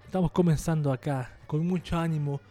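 A man's voice: fairly high pitch, steady tone, fairly quick, dark tone. Joking man hosting a podcast. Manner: jokey, rambling, self-mocking. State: trying a lighter, less forced voice. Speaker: podcast host. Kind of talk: casual podcast monologue.

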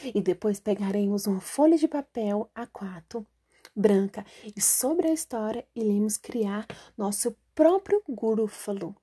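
A woman reading a children's story aloud in a gentle, teacherly way, often hushed. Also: medium pitch, expressive, a little slow, husky.

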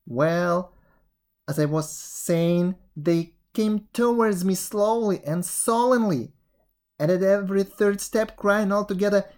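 A woman reading aloud and voicing an excitable male village sexton who tells an eerie tale with rising wonder. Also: slow, close to an everyday voice. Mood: excited, eerie. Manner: breathless storytelling, rising pitch, wondering. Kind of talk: storybook reading.

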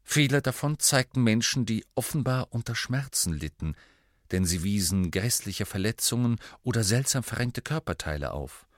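A man narrating an audiobook in a measured, even storytelling manner. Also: on the low side, no room sound, studio quality. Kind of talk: scripted narration.

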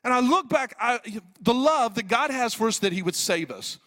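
An older man, a pastor preaching a sermon, swinging between loud pleading and hushed low asides, repeating words for emphasis. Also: lively intonation, moderate pace.

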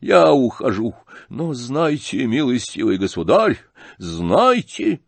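A man's voice: medium pitch, big pitch swings, takes it slowly, gravelly, no echo, heavily acted. A man voicing a pompous, furious old retired general who declaims and thunders with indignation. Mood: raging.

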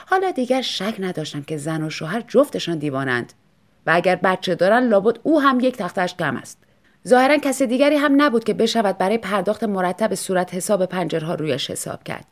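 A woman reading an audiobook story in an expressive, lively manner. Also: mid-range voice. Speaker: audiobook narrator. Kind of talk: scripted narration.

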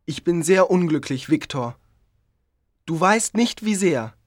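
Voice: medium pitch, animated, unhurried, no room sound, clean studio sound. Frankenstein's lonely monster. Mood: sorrowful. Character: lonely, pleading giant creature made by a scientist. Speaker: narrator of his own story. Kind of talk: storybook audio drama.

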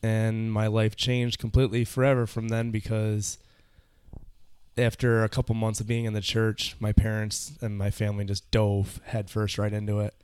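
A man's voice: on the low side, monotone, moderate pace, a little mellow, a little hiss or hum. A man as a podcast guest, telling his own story in an earnest, slightly nervous way. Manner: earnest, a little nervous, with fillers. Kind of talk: casual storytelling.

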